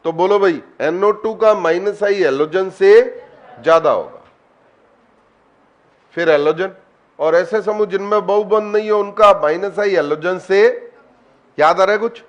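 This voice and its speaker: A man's voice: high-pitched, a little slow, pauses often, dull audio. A man teaching an online chemistry class, quizzing his students, coaxing them to answer and calling on them by name.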